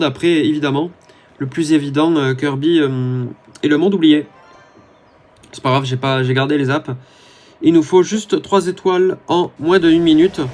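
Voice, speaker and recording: A man's voice: a little high, a little mellow. A man giving casual, rambling commentary over his own gameplay, talking to his viewers with many hesitant fillers. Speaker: gaming YouTuber.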